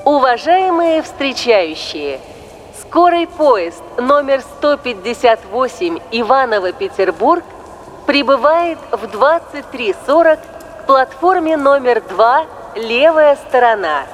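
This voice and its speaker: A woman reading formal train station announcements in a measured, even, official manner. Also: high-pitched, slight background noise. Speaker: station announcer in a listening exercise.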